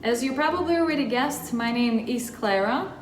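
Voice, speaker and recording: A woman's voice: on the high side, normal speed, a little hiss or hum. A woman from Russia with a Russian accent, hosting her own channel and explaining a topic in a chatty, friendly way straight to the viewer. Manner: chatty, friendly direct address. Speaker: channel host. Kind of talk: casual explainer vlog. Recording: roomy echo with faint music.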